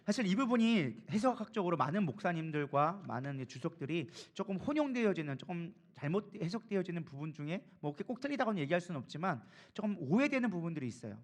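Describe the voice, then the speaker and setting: A man's voice: sits high, big pitch swings, fast, hardly any pauses. A male pastor preaching a sermon, acting out biblical figures in casual everyday speech. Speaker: co-lead pastor.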